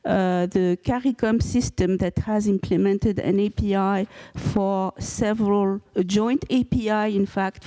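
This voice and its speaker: A woman's voice: medium pitch, mellow. A woman with a French accent, her first language French, moderating a conference panel in English with many hesitant fillers. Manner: hesitant, many fillers, self-deprecating humour.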